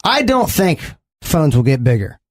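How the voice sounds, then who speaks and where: A man's voice: a little high, big pitch swings, normal speed. A man in his thirties co-hosting a podcast, rambling with many fillers in casual chat. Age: 30s. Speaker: podcast co-host.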